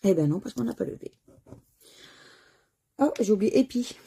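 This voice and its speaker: A French woman chats casually on her scratch-card channel, scratching lottery tickets and spelling out letters individually. She has a mid-range voice with lively intonation and normal speed, plus vocal fry and a dark, slightly rough tone.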